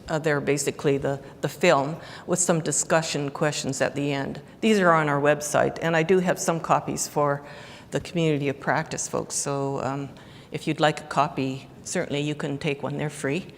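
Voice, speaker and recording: A woman with a low-pitched voice gives a conference talk in a reverberant conference hall, with slight background noise. She presents hesitantly and uses many fillers.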